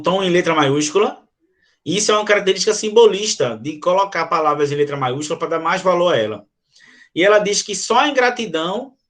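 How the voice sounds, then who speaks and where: A Brazilian man teaching a literature class, explaining a sonnet and reading its verses aloud to his students. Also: on the high side. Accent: Brazilian Portuguese. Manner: animated, addresses students directly, reads verses aloud. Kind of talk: online class explaining a poem.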